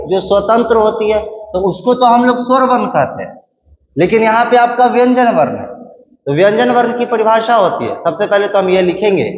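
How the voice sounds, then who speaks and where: A man's voice: sits high, slight background noise. A male teacher giving a grammar lesson, who repeats each point and asks the class questions before he answers them. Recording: echoey room, dull lo-fi sound.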